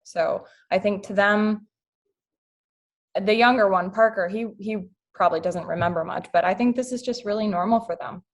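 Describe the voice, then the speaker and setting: A woman's voice: medium pitch, normal speed. A woman guest on a podcast, a blended family coach, talking candidly and emotionally with lots of fillers. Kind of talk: casual interview talk.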